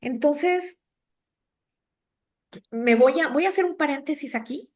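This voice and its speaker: A woman's voice: high voice, unhurried, darkish tone. A middle-aged woman giving a women's devotional talk, speaking conversationally and asking her listeners questions. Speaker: devotional teacher for a women's group.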